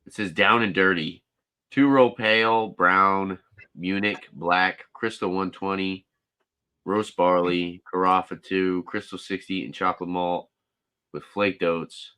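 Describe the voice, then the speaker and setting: A man's voice: deep voice, fairly even intonation, measured pace, bright, forceful tone, clear, resonant tone. A man hosting a casual live beer review, chatting and reading can labels aloud.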